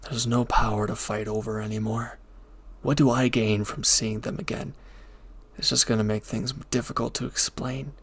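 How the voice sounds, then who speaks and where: A man acts out the role of an ex-villain turned loving partner in an intimate audio drama, gentle, soft-spoken, breathy and tentative. At medium pitch and normal speed, with fairly even intonation, his mood is earnest and guarded.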